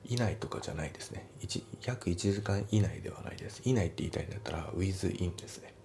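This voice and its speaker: Man, very low pitch, gravelly, dark tone, patient teacher, whispery asides, faint room hiss. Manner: patient, repeats pronunciations slowly, often trails into whispery asides. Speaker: English teacher. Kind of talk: explaining English listening test answers.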